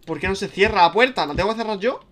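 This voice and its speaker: A young man with a Spain Spanish accent, chatting casually and swearing as he plays a video game, turning panicky and loud when scared. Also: sits high, expressive, quick pace, slight background noise. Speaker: gaming streamer. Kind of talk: casual let's-play commentary.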